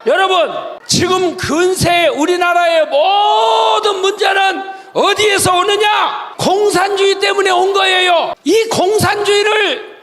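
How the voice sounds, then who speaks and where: A man from the Jeolla region shouts a fiery political speech in a very high, strained register, hurling rhetorical questions at his listeners. His voice rings through a large hall with a long reverb tail, and a faint crowd murmurs behind him. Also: takes it slowly. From Jeolla region, South Korea. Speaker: rally speaker.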